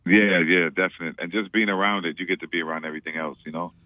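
A man from Trinidad with a very deep voice talks quickly and easily, looping back on his words with lots of fillers. He comes through a dry, tinny phone line. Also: level tone, no echo. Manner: laid-back, repeats words, many "you know" fillers. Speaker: reggae musician guest. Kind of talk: casual radio interview.

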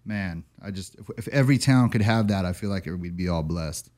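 Easygoing low-voiced radio host man. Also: a little fast, darkish tone. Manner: easygoing, enthusiastic, respectful. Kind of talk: casual radio interview.

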